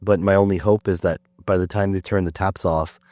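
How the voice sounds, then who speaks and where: A man's voice: low voice, fairly even intonation, fairly quick, darkish tone, no echo. A man hosting a podcast, chatting casually with many fillers and restarts. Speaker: podcast host. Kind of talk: casual conversation.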